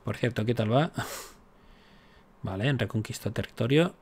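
Unhurried and slightly rough-voiced, a man with an ordinary middle pitch narrates his strategy game for YouTube. It's a casual let's-play where he chats, cracks jokes, and aims exasperated asides at the game.

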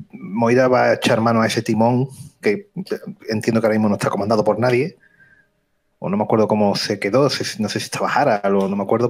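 A man playing a tabletop role-playing game, thinking aloud about his character's moves with some hesitation. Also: lowish voice. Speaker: player. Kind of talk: casual game talk.

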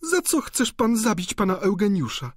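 A man's voice: high voice, moderate pace, darkish tone, no room sound, clean studio sound, voice pushed up. A man voicing a timid, tender-hearted young woman who pleads emotionally. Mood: pleading.

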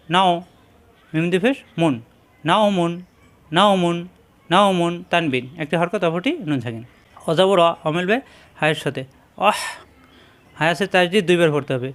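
Teacher, male, high and smooth voice, slow repeat-after-me lesson delivery. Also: fairly bright tone. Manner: repeats sounds slowly for learners to copy. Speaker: Quran reading teacher.

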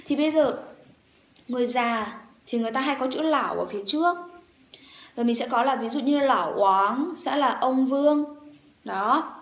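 Woman teacher drilling words slowly. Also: sits high, reverberant. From Vietnam. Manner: drills words slowly and repeats them several times. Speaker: Chinese language teacher. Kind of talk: language lesson with repeat-after-me drills.

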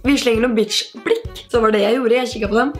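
An eighteen-year-old woman vlogger reading hate comments aloud and answering them with sarcastic, quick-tempered retorts. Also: on the high side, steady tone, faint music behind. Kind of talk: casual vlog.

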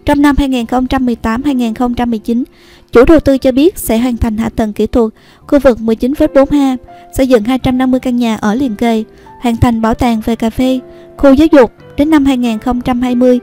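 A woman narrating a scripted news report in a steady, even read. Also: on the high side, brisk, soft background music. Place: voice-over recorded apart from the pictured places.

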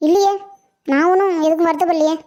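Cartoon role: voice actor doing a high, rapid-fire village housewife with a Tamil Nadu accent, devoted and patient. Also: fairly even intonation, a little mellow. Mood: sulking. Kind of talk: cartoon voice acting.

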